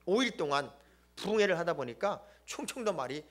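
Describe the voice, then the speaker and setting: A man preaching a sermon as a church pastor, joking and emphatic, swinging between loud exclamations and hushed asides. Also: high voice, sing-song, a little fast. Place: church sanctuary.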